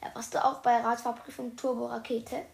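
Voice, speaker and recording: A woman's voice: on the high side, flat delivery, fairly quick, creaky, darkish tone. A woman reading a children's detective book aloud to her viewers, stopping often for chatty, slangy comments. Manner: chatty, addresses viewers as "Leute", youthful slang. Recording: roomy echo.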